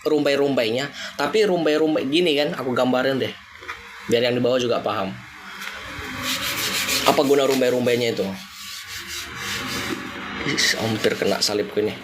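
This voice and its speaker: A man's voice: mid-range voice, noisy background. Chatty man. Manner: chatty, loose, mixing in English thanks. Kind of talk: casual live-stream chat.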